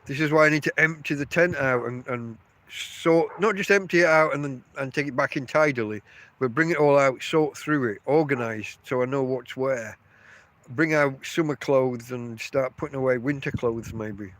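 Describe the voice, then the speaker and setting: Recorded dry, a middle-aged man with a cold-congested nose rambles through a solo podcast by his tent in a field camp, chatty and prone to cutting himself off. He has a mid-range, slightly bright voice at normal speed.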